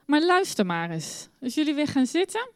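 A woman telling a Bible story to children in church, with a lively, expressive storytelling manner. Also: sits high, normal speed, no echo.

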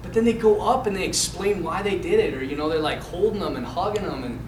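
A high-pitched man talks at a quick pace. He is a priest offering an informal, sermon-like reflection on parenting, meandering through stories and acting out quoted voices, while the distant mic picks up hall echo and background noise.

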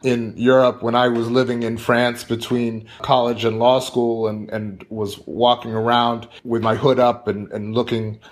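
Man, panel guest; flat, monotone delivery; conversational. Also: mid-range voice, measured pace, few pauses. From United States. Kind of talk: panel discussion.

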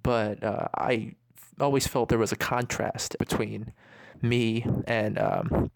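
A young American man in his early twenties recording a reflective, casual audio letter, pausing often as he thinks. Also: mid-range voice, level tone, creaky, no room sound. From New York, United States. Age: early 20s. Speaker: university student exchanging audio letters. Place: dorm room.

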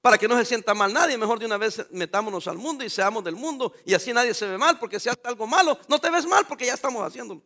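A man's voice: extremely high pitch, animated, quick pace, few pauses, bright, forceful tone. A middle-aged man, a pastor preaching a sermon with emphatic rhetorical questions to his congregation.

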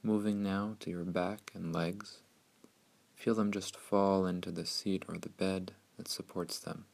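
A man narrating a scripted guided meditation in a soothing, hushed, unhurried way with long pauses. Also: low voice, level tone, vocal fry.

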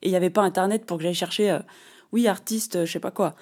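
Chatty French-speaking woman podcaster, mellow voice. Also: on the low side, fast. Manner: animated, slangy storytelling with frequent fillers. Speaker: podcast host. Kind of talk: casual solo podcast monologue.

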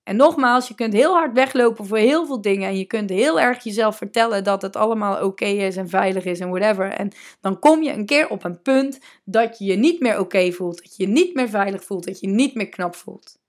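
In a mid-range voice, a woman coach talks casually and emphatically on her solo podcast. She slows down to drive her points home and sprinkles in English words.

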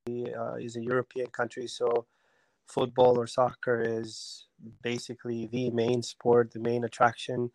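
Flat-voiced man from Albania, dry sound. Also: mid-range voice, measured pace, gravelly, dry recording, low-quality recording. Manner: hesitant, many ums and restarts. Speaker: soccer technical director, guest. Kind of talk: casual interview talk.

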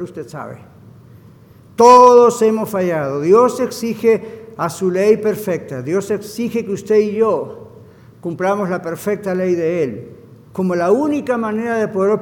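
Fervent male pastor with a high voice, recorded in a reverberant hall; shifts between hushed and loud. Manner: drops in short English phrases. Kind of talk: sermon.

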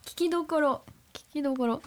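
A woman's voice: high voice, brisk, background noise. A woman from Fukuoka, a voice actor, chatting casually with short, modest replies. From Fukuoka, Japan. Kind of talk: casual panel chat.

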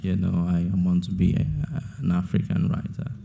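A young Nigerian author in his twenties answers questions in an onstage interview, thoughtful and often repeating words as he finds his point. His low voice is monotone, creaky and warm, at normal speed.

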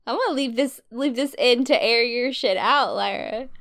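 A woman's voice: on the high side, normal speed, a bit bright. A woman co-hosting a podcast, chatting casually in a rambling way. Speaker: podcast co-host. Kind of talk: casual chat.

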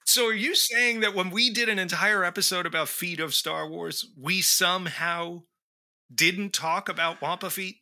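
A man calling in as a podcast guest, chatting casually and comically in deadpan, rambling explanations. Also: high voice, normal speed.

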